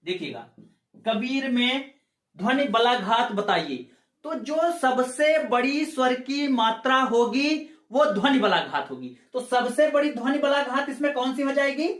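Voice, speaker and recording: At a measured pace, a man speaks in a very high, expressive, fairly bright voice while teaching grammar for an exam. Step by step he explains, asks rhetorical questions, restates points, and checks in with "ठीक है"; the room is echoey.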